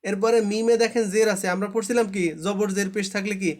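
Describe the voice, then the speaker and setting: High-voiced man teaching Quran reading patiently. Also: level tone, quick pace, darkish tone. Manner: patient, repetitive, often checks understanding. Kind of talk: live online class instruction. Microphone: online live class.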